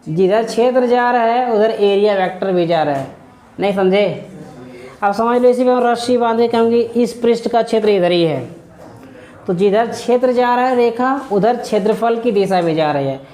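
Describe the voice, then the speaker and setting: A man's voice: high voice, moderate pace, dark tone, reverberant. Quizzing teacher, man, repeating key words. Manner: asks questions and answers them, repeating key words. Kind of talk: classroom physics lesson.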